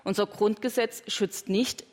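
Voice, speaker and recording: A woman politician argues her point firmly on a debate stage, pausing on hesitation sounds as she goes. Her voice carries a long reverb from a large hall, and her pitch sits mid-range. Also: steady tone. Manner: firm, argumentative, with many hesitation sounds. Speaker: party politician in a panel debate. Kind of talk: televised panel debate.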